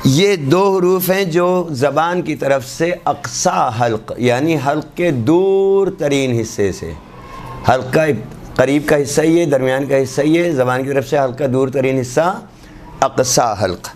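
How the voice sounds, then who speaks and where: Man teaching letter sounds slowly. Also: fairly high pitch, darkish tone, slight background noise. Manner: demonstrates letter sounds slowly and repeats them. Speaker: Quran recitation teacher. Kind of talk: classroom tajweed lesson.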